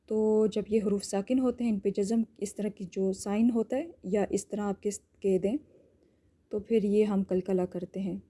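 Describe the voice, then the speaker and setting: A woman teaching Quran recitation rules. She explains each rule patiently and step by step, often checks in with "theek hai?", and stretches out words slowly to demonstrate. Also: medium pitch, steady tone, warm tone. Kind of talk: tajweed lesson with slow drawn-out demonstrations.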